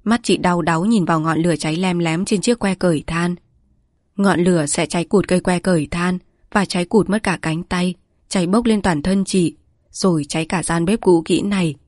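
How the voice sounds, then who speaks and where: A woman narrates a rural story in a calm, measured storytelling voice. Her voice sits low, and the recording is dry and close, with no room sound. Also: no echo. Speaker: audiobook narrator.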